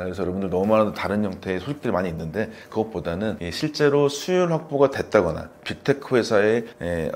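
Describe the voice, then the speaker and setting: Fast-talking man explaining lecture-style. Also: on the low side, darkish tone. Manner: lecturing, fillers and self-corrections. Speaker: former semiconductor researcher, guest expert. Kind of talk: explanatory interview talk.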